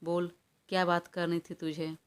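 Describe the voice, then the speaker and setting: A woman's voice: fairly low pitch, flat delivery, unhurried, clear, resonant tone, natural voice. A woman reading an audio story, voicing a weary, irritated young man who talks in an exasperated way. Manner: exasperated, pleading for rest. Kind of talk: audiobook character voice.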